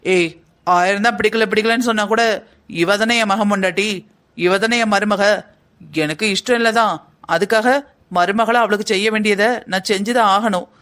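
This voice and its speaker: A man's voice: sits high, fairly even intonation, moderate pace, long pauses, bright, forceful tone. Parvathi, a man voicing a stern mother-in-law. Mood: proud. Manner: bossy, firm, declaring. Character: proud stern middle-aged mother-in-law. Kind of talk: cartoon family drama voice acting.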